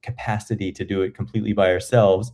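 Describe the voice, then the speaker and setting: Enthusiastic Canadian man, deep mellow voice. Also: steady tone, fast. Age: 40s. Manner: enthusiastic, rambling storyteller. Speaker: guest. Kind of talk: casual chat.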